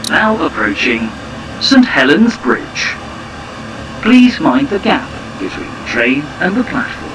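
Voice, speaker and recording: A man's voice: fairly high pitch, sing-song, slow. Man, onboard train announcer, over a PA system, formal, distant speaker, faint vehicle noise. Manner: formal, clipped announcement phrasing.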